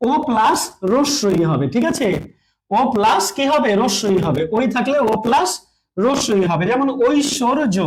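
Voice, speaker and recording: A man with a very high voice teaches a lesson at a board. He asks his listeners questions, answers them himself, and repeats each point. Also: slight background noise, poor audio.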